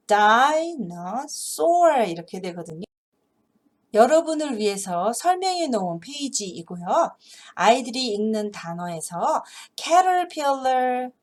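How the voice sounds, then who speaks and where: A woman presenting a phonics lesson for teachers, explaining patiently and reading example words slowly and carefully. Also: on the high side, a little mellow. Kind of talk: instructional video lesson for teachers.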